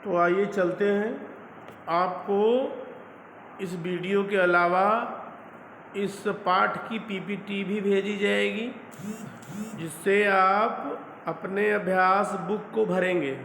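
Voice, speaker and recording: In a classroom lesson video, a male school teacher patiently walks his students through a language lesson step by step, often checking in with them. His voice is high, fairly bright and creaky, with little pitch movement and a slow pace, recorded in an echoey room with faint background noise.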